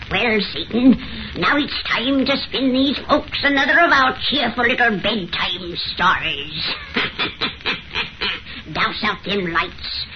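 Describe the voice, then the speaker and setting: A woman playing a gleeful, cackling, hundred-year-old witch storyteller in an old horror radio play, with rustic speech and a cracked voice. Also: on the high side. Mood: gleefully sinister. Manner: rustic dialect, slow, gleefully sinister. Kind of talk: 1930s horror radio acting. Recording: muffled, noisy old radio recording.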